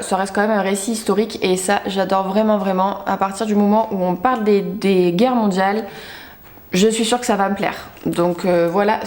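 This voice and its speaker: A woman's voice: medium pitch, a little mellow. Chatty young woman in an echoey room. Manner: chatty, self-mocking, filler-heavy. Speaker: book vlogger. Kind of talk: casual book haul chat.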